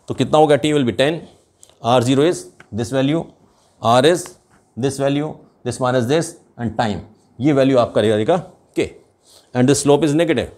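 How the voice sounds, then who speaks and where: A man's voice: medium pitch, darkish tone. An older man with an Indian accent, teaching a chemistry lesson at a board and switching between Hindi and English. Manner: slow, deliberate, mixes Hindi and English. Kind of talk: explaining at a board.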